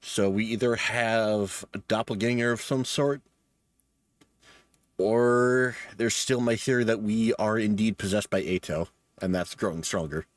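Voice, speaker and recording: A man's voice: lowish voice, unhurried, no room sound. A man hosting a let's play, casually commenting with sweary, wry asides and reading game text aloud.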